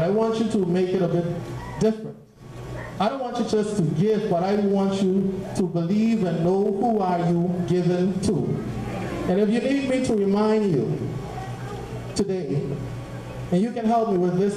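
A young man from Turks and Caicos preaching about giving in a church, speaking into a handheld mic with fervent, rhythmic repeated phrases. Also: high-pitched. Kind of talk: offering exhortation. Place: large church hall with congregation. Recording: very echoey church hall.

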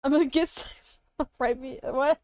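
A young woman streams casually in a high, swooping voice, with a cute, bubbly anime-streamer manner. She takes her time over her words and reacts in an exaggerated way. The sound is close and dry. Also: fairly even intonation, unhurried, darkish tone, dry recording. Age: young adult. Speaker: live streamer. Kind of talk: casual livestream chat, browsing and reacting. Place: indoor room at a streaming desk.

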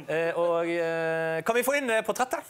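A man's voice: a little high, lively intonation, a bit bright, a little hiss or hum. A Norwegian man hosting a TV show, chatting casually and hesitantly with lots of filler sounds. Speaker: TV show host. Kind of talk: casual chat.

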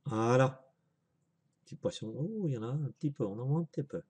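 A man's voice: mid-range voice, lively intonation, a little fast, a little mellow, breathy edge. A man in a casual home video review, chatty and apologetic, thinking aloud with lots of fillers as he shows products. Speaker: vaping vlogger.

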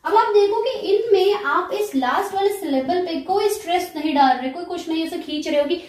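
A woman's voice: very high-pitched, expressive, fairly quick, a little mellow, roomy sound. A woman teaching English grammar in a recorded lecture, explaining step by step and answering her own questions.

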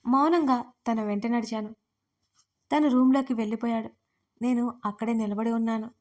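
A woman narrating a romance story in first person, in a lively, emotional storytelling manner with acted dialogue. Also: a little high, moderate pace. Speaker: writer and narrator of audio stories.

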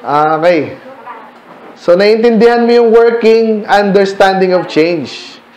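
A man's high-sitting voice with a darkish tone moves at a measured pace as he teaches a church history seminar to a mixed audience. His style is conversational, full of rhetorical questions to listeners and English terms mixed in. The recording is muffled and echoes around the church meeting room.

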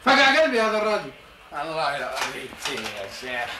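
An actor playing a hot-headed young man who shouts, whines and threatens revenge. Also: on the high side, wildly swooping pitch, fast talker. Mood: complaining. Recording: echoey, noisy old TV audio.

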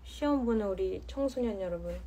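A woman in her thirties from Jeonju, Korea, hosts a casual phone livestream, reading out viewer comments with playful teasing and stretching words for emphasis. Her voice sits in the mid range, dark in tone, expressive and brisk.

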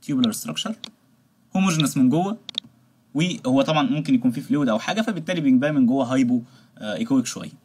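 Fast-talking Egyptian man, husky, lecturing. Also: medium pitch, expressive, dark tone. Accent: Egyptian Arabic. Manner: rapid, explaining with many check-ins and asides. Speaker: veterinary lecturer. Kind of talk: exam-prep lecture mixing Egyptian Arabic and English terms.

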